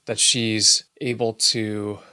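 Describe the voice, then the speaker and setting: A man with a low but bright, forward voice co-hosts a parenting podcast. He explains ideas casually and thinks out loud, building on his partner's points in relaxed conversation. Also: slow, clean tone. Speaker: podcast co-host.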